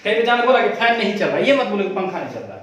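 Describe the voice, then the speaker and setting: A man's voice: high voice, big pitch swings, racing, a crowd in the background. A man teaching English in a classroom, asking the class and having them repeat words. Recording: echoey room, from far off.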